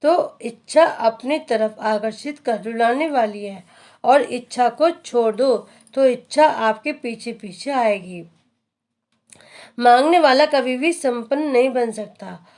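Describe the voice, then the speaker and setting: A woman reading a daily spiritual discourse aloud in a measured, earnest, instructive way. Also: on the high side, darkish tone. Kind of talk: slow devotional reading.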